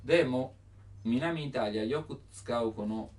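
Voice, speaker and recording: A man's voice: medium pitch, a little slow, distant mic, crowd noise. A man with an Italian accent, a native Italian speaker, explains song lyrics as a language teacher, in simple broken phrases and with sung examples.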